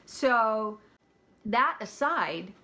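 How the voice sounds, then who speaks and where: A woman's voice: a little high, expressive, drawn-out words, sharp tone. An American woman talking casually and candidly about audiobooks she listened to, with chatty asides. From United States. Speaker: audiobook reviewer. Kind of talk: casual chat.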